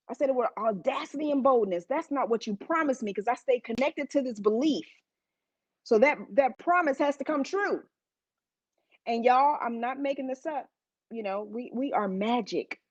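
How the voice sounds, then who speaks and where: A woman's voice: a little high, darkish tone, no echo, muffled recording. A woman preaching a sermon, telling stories to the congregation in a conversational, emphatic way.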